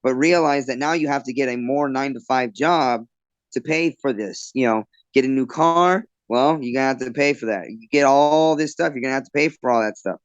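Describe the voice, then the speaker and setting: A man's voice: mid-range voice, brisk, no room sound, muffled recording. A man, a fighter and bartender, telling stories in a casual interview, loose and rambling with lots of fillers and restarts.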